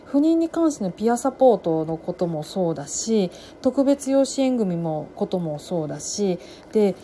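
A woman's voice: mid-range voice, moderate pace, slight background noise. A middle-aged woman talking casually about books she has read, chatty and full of fillers. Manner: chatty, many fillers, lively swings in loudness. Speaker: podcast host reviewing books. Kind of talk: casual solo talk.

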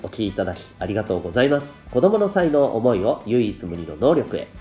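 With a blocked, nasal voice brought on by rhinitis and dust, a parenting coach hosts his podcast alone, politely walking listeners through ideas. He talks fast in a fairly low, sing-song voice that's slightly mellow. Light music and a reverberant, roomy sound fill the recording.

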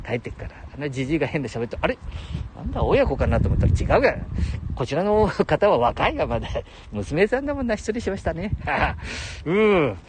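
A man in his seventies hosts a livestream alone, speaking a Nagoya-area Japanese dialect in a voice on the high side. He is chatty, laughs often, and rambles to himself. Slight background noise is present.

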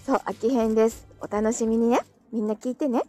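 A woman with a slightly high voice hosts a casual live audio stream, reading listener comments and thanking them. She is chatty and laughs often, and her throat sounds dry. Faint music plays underneath. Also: steady tone, fairly quick, dark tone.

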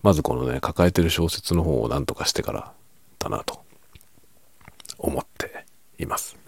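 In a low-volume nighttime murmur, a man who creates and hosts videos talks casually and briskly, occasionally slipping toward a whisper. His voice is extremely deep, husky and creaky with a gravelly texture, captured close-up with no room sound.

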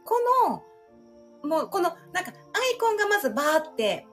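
Kansai woman co-host, high and bouncy, chatty. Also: big pitch swings, brisk, a bit bright, soft background music. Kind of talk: casual chat.

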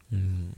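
A man's voice: sits low, dark tone, husky. A man co-hosting a radio-style podcast, chatting casually and teasing his co-host with jokes. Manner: teasing, joking banter.

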